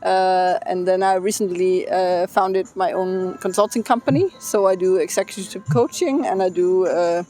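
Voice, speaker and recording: A middle-aged woman from Denmark, a business consultant, answering interview questions thoughtfully with many pauses and fillers, outdoors by the beach. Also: on the low side, steady tone, dark tone, faint music behind. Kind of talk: casual interview.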